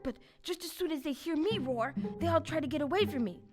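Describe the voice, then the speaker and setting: A woman's voice: high-pitched, fairly quick, music in the background, natural voice. A woman playing a big cowardly lion, plaintive and self-pitying, in a stage audio play. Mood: gloomy, self-pitying.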